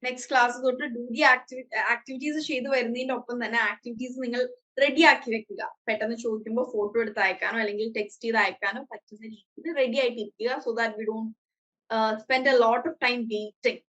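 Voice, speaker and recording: A woman's voice: a little high, steady tone, a little fast, fairly bright tone, low-quality recording. A woman with a Malayali accent teaching an English class over a video call, switching between English and Malayalam and praising her students often.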